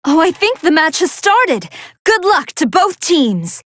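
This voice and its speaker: A woman voicing a polite, soft-hearted female android scientist who gives formal, earnest and expressive commentary on fights in a video game. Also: extremely high pitch, a little slow, no echo, studio quality, heavily acted. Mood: composed, curious. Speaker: match commentator.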